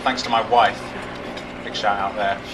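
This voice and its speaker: A man with a lowish voice delivers a best man toast at normal speed and in a steady tone, leaning on dry, self-deprecating jokes. It's recorded by a distant microphone at a noisy, crowded wedding reception, where guests can be heard.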